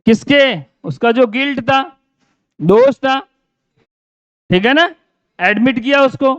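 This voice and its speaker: A man's voice: very high-pitched, takes it slowly, fairly bright tone, no room sound, highs cut off. A male teacher giving a grammar lesson, repeating his own questions and answering them.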